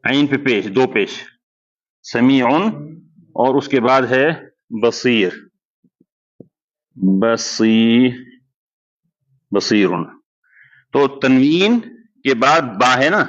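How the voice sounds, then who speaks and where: A man teaching Quran recitation in a madrasa class, explaining step by step and slowly drawing out recited examples. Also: mid-range voice, fairly bright tone, lo-fi sound. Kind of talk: classroom lesson.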